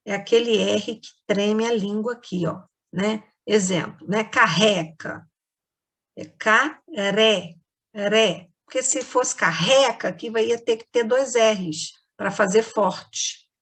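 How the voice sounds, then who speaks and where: A woman with a Brazilian Portuguese accent gives a remote lesson to young children. She speaks at an unhurried pace in a somewhat high voice. She explains each step patiently and keeps checking that they follow along. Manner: patient, explaining step by step, frequent tag questions. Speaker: primary school teacher.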